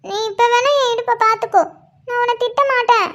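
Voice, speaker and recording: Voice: extremely high pitch, fairly even intonation, brisk, a bit bright. A performer voicing a clingy, tipsy young wife in a cartoon, pleading and whiny, speaking speech. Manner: pleading, childish, teasing.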